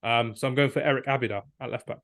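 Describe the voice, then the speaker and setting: A man's voice: mid-range voice, fairly even intonation, racing, a bit bright, no room sound, clean studio sound. A young man co-hosting a football podcast, rambling enthusiastically and acting out quotes. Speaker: podcast co-host. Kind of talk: casual football debate.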